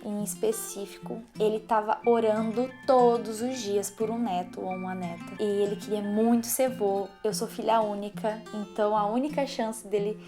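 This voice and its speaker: A young woman with a Brazilian accent, telling a personal story in a casual vlog with lively, animated delivery. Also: medium pitch, normal speed, hardly any pauses. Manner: animated storyteller acting out quoted voices. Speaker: vlogger. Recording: music playing under the voice.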